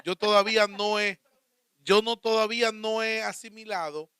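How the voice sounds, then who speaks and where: Loud joking Dominican man. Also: high-pitched, normal speed, clean tone, no echo. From Dominican Republic. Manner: loud, joking, animated storyteller. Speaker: radio show co-host.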